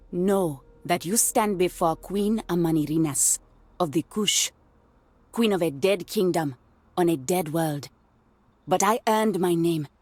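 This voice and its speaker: A slow, husky cloned warrior queen. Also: lowish voice, a little mellow, dry recording. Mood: regal. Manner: regal, slow, slips into a whisper. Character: proud cloned warrior queen, woman, solemn. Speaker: game character.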